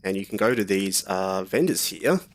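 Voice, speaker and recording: A young man with a low-pitched voice chats through a game on a live stream at a moderate pace. He's a bit sick and sniffly, and his talk is relaxed and rambling, packed with fillers.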